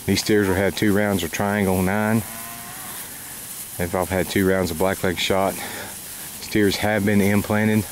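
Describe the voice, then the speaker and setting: A man describing cattle for a livestock sale, talking in a steady, matter-of-fact way, recorded outdoors on a camera mic. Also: sits low, unhurried, long pauses, a little hiss or hum, poor audio. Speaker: livestock auction presenter. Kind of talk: plain spoken sale description.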